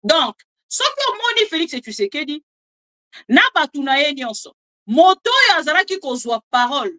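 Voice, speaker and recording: A Congolese woman delivers lively political commentary in a high, bright voice. She talks casually to her audience and drops in joking asides. Her voice sits well above the usual range and has a sharp, ringing edge. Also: normal speed. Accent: Congolese French. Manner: animated, chatty, joking asides to viewers. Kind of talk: casual live commentary, French mixed with Lingala.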